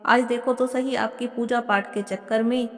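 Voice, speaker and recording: A woman's voice: fairly high pitch, steady tone, moderate pace, close to an everyday voice. A woman voicing a proud, scornful young wife who talks back dismissively. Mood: angry. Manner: dismissive and defiant. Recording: long hall reverb.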